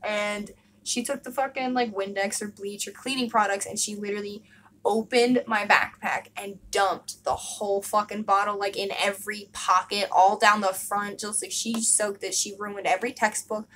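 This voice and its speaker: A woman's voice: mid-range voice, fairly even intonation, moderate pace, a bit bright, a little hiss or hum, rough recording. A young woman speaking candidly in a casual vlog, emphatic and full of fillers and swearing. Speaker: vlogger.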